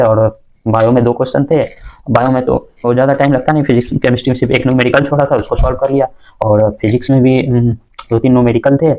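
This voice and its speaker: A man's voice: mid-range voice, a little mellow, slight background noise, poor audio. A young man telling the story of his entrance exam day in a casual, hesitant way, with many fillers and restarts. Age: young adult.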